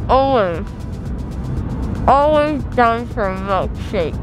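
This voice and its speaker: A woman's voice: on the high side, animated, slow, music in the background. A young woman groggy and loopy from anesthesia rambles and exclaims in a dazed way, her speech muffled by a mouthful of gauze. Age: teens to young adult. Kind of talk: casual vlog chat.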